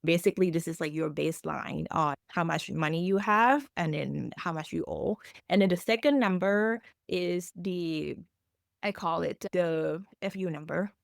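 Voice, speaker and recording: A woman's voice: fairly low pitch, normal speed, gravelly, dry recording, clean studio sound. A woman, explaining earnestly as a financial coach in a podcast interview, with phrasing. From Thailand.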